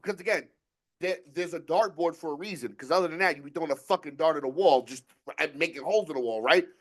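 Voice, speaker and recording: A man's voice: on the high side, fast talker. A man co-hosting a casual group podcast, swearing freely and restarting his sentences as he hypes his listeners. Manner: profane, stumbling restarts, hypes the crowd. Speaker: podcast co-host.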